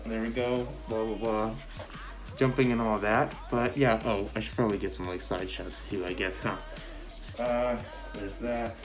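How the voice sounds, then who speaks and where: A man's voice: lowish voice, steady tone, normal speed, over music. Man muffled inside a costume mask. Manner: rambling, loose, many fillers. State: short of breath in the mask. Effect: muffled through a full-face costume mask. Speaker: vlogger showing his costume. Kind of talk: casual show-and-tell.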